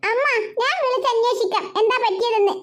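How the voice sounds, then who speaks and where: A woman's voice: very high-pitched, quick pace. Woman voicing a bossy, teasing big sister. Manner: teasing, know-it-all. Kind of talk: cartoon voice acting.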